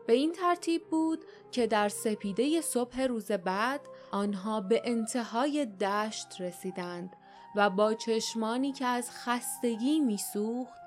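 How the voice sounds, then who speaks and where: A woman reading an adventure story aloud as an audiobook narrator, with steady storytelling. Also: on the high side, soft background music. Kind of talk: scripted narration.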